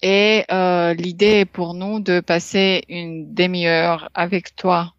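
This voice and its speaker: A woman gives a casual lesson, unhurried and patient, pausing often to find her words. Her voice sits a little low and comes through dry and slightly muffled, like an online call. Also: fairly even intonation, dry recording. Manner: patient, explains slowly with many fillers. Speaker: language exchange tutor. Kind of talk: casual tutoring over a call.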